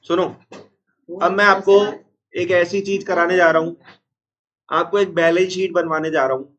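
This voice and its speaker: Casting: high-voiced man teaching accounts, sounds unwell, dull lo-fi recording. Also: a bit bright. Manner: repeats formulas slowly, scolds chattering students. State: unwell, strained chest. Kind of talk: classroom lecture.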